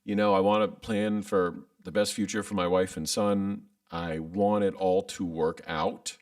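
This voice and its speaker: On a home livestream, a man in his thirties who creates content talks casually, hesitating and restarting his rambling sentences often. His low voice is flat and a little slow, and the studio mic with headphones captures no room sound but seems distant.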